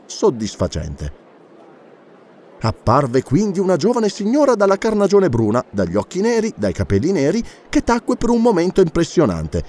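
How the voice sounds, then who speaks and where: A man reading a classic novel aloud as an audiobook narrator, with an expressive, theatrical delivery. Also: medium pitch, a little hiss or hum. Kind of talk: scripted narration.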